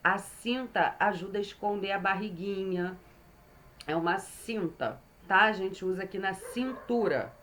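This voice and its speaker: Brazilian lady teacher sounding out letters for kids, real slow, bright voice. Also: medium pitch, slight background noise. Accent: Brazilian Portuguese. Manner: slow and patient, sounding out syllables, frequent "certo?" check-ins. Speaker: primary school teacher. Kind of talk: online phonics lesson for young children.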